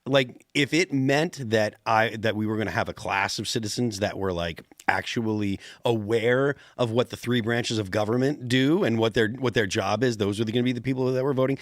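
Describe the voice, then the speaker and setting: A man's voice: fairly low pitch, dry recording, studio quality. A man on a casual panel, stating his opinions emphatically. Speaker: panel guest.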